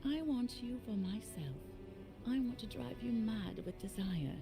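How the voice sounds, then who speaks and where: A woman's voice: a little high, lively intonation, unhurried. A woman playing a possessive, hungry female sea creature who seduces mortals in a sultry, tempting game performance. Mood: possessive desire. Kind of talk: video game voice acting. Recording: music playing behind.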